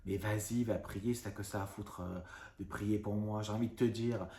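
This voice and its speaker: A man in his thirties from France, a YouTuber ranting casually and talking fast, rambling with many fillers. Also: fairly low pitch, fairly even intonation, dark tone, roomy sound. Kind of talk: casual vlog rant.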